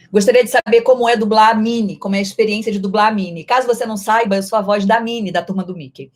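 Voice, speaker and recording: In a playful live-stream chat, a middle-aged voice actress from Brazil answers questions from viewers in a mid-range voice with a Brazilian Portuguese accent. She frequently shifts in loudness and speed.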